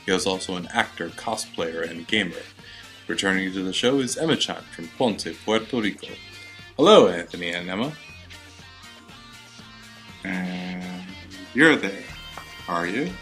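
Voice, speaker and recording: A man hosting a casual podcast interview, halting a little and repeating words as he starts his questions. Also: sits low, lively intonation, fairly bright tone, faint music behind. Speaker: podcast host.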